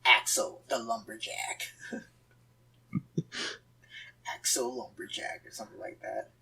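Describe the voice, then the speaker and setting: A man's voice: fairly low pitch, steady tone, gravelly, sharp tone, slight background noise, rough recording. A man in his twenties, a guest artist, chatting casually and joking with frequent laughs. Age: 20s. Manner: giggly, joking, quick to laugh. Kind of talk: casual chat while sketching.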